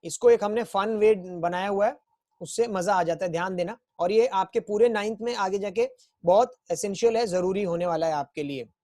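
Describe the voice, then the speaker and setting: A male school teacher giving an online chemistry class, coaxing students and chanting memory rhymes slowly and repeatedly. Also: sits high, dark tone, dry recording, clean studio sound.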